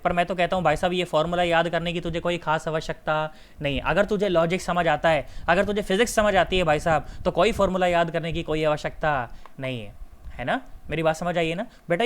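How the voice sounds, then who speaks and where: A man's voice: high voice, clear, resonant tone. A man teaching physics to students, talking familiarly and emphatically, repeating key phrases. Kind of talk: lecture to students.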